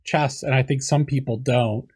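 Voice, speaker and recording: Husky-voiced male host, teasing. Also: medium pitch, fairly even intonation, normal speed, a little mellow. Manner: teasing, asks rambling questions. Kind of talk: casual interview chat.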